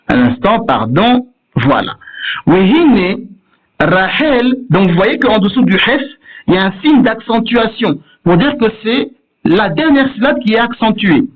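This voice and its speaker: A man giving a patient, explanatory lesson on Hebrew word stress, demonstrating each pronunciation himself. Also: sits high. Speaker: Hebrew teacher. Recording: tinny phone-like sound.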